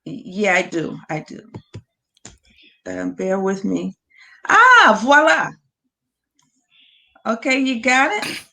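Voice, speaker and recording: A woman's voice: mid-range voice, animated, takes it slowly, creaky, pauses often, fairly bright tone. A woman on a video call hosting an informal webinar, speaking in a patient, encouraging and somewhat hesitant way. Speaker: host of an online webinar. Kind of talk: informal live webinar hosting, talking a guest through screen sharing.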